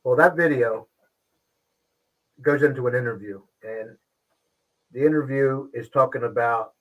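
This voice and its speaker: A man hosting a casual livestream show, talking with frequent pauses and restarts. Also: medium pitch, dull audio. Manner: halting, pauses and restarts often. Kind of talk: casual live-stream talk.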